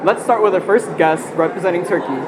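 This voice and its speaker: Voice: mid-range voice, a little fast. The host of a live comedy sketch, with upbeat, scripted patter. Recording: noisy live stage.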